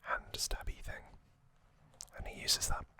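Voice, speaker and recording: Speaking in a voiceless, breathy whisper, a male ASMR host gives an easygoing recap with hesitant, intimate pacing. The tone sounds pushed and bright, captured in a dry recording.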